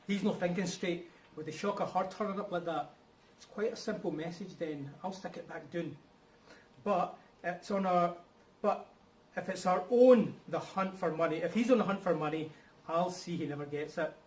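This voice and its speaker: An actor in a stage reading playing a meddling, self-justifying husband, hesitant and excitable in his speech. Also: high voice, moderate pace, close to an everyday voice. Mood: scheming, flustered. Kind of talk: rehearsed stage reading of a drama. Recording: roomy, distant mic, background noise.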